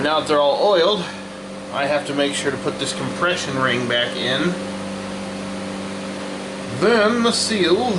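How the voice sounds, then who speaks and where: Male DIY host, slightly high voice, casual and folksy, narrating his own hands-on work in a workshop with a fan humming clearly behind him. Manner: folksy, talking himself through each step. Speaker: host of a hands-on repair video. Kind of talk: casual how-to commentary while working. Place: hot workshop with a fan running. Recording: constant fan and hum noise behind voice. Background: running fan, steady hum.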